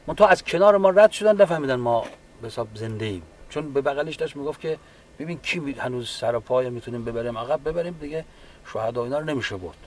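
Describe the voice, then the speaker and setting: A man, a wounded war veteran, giving a halting, unhurried personal account with frequent restarts. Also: mid-range voice. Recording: distant mic with faint background ambience.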